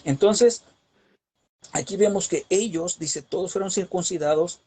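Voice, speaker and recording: A man's voice: sits high, measured pace, dark tone, husky. A man teaching a Bible lesson, preaching with an emphatic, rising cadence and rhetorical questions.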